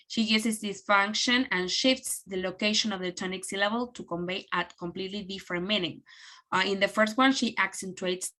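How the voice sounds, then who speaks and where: A young woman, a student, presenting a phonetics lesson in a measured, explanatory way. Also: medium pitch, pushed and bright. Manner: explanatory, measured, some fillers. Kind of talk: class presentation.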